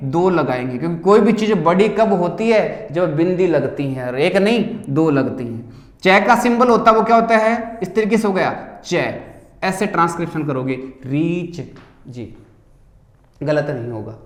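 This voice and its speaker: A teacher with a fairly high voice and a Rajasthani Hindi accent works through the solutions to an exam paper step by step. He poses questions to the class and answers them himself, his voice echoing around a large room.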